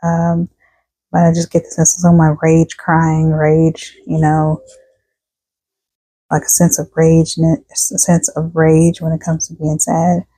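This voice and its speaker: A woman's voice: low-pitched, monotone, slow, mellow, dry recording, rough recording. A woman doing a casual tarot reading for her viewers, chatting and reading card texts aloud, tired and yawning. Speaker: tarot reader.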